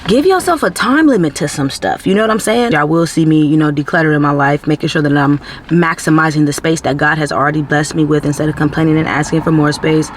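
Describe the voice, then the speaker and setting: A man speaks to his viewers in an earnest, sermon-tinged vlog about self-improvement. His voice sits a little high for a man, and he talks in a loose, conversational way, leaning on "like" and "you know". A faint hiss of background noise runs under the talk. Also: quick pace, few pauses. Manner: earnest, preachy, heavy on "like" and "you know", faith-based. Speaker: self-growth vlogger. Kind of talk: casual motivational talk to camera.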